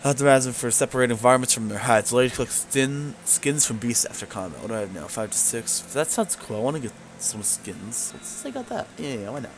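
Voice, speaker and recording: A man reads game text aloud and adds casual, muttered comments as he plays. His voice sits at an ordinary middle pitch, with faint noise behind him. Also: animated, fairly quick, hardly any pauses. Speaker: let's play gamer.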